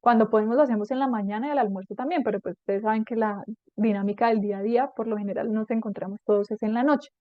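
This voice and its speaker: A woman's voice: fairly high pitch, dry recording, phone-quality sound. A middle-aged woman, hosting a parenting podcast and acting out little dialogues as she gives advice. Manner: talkative, acts out dialogues in quick voices. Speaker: podcast host and parenting coach. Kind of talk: podcast talk giving advice.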